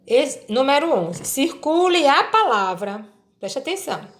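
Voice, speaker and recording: A woman teacher with a Brazilian Portuguese accent, patiently explaining a children's worksheet and sounding out syllables slowly. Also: sits high, very animated.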